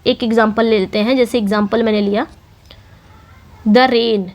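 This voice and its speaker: A woman, teaching an English exam-prep lesson in mixed with English terms, reading English questions slowly and asking and answering her own questions. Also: fairly high pitch, fairly even intonation, darkish tone.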